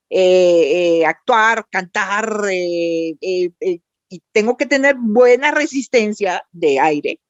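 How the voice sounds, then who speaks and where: A woman's voice: medium pitch, dry recording, muffled recording. Guatemalan woman telling a story animatedly. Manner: animated storytelling with many fillers. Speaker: guest voice actress. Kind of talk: casual podcast interview.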